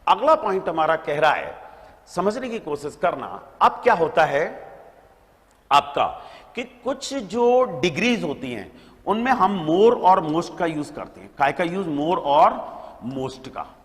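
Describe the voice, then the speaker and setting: A slightly high-voiced man teaching a grammar class, talking slowly and with lots of rise and fall. He keeps quizzing his students and then answering his own questions. A long echo hangs in the room around him. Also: big pitch swings. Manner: addresses listeners as beta, checks with "right?"; spells words out letter by letter. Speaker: English teacher.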